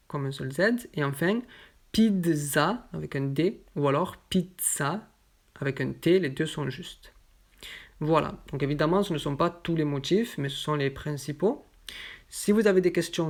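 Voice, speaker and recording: A woman teaching French pronunciation, saying example words one at a time with careful, deliberate articulation. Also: low voice. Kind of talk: slow pronunciation lesson.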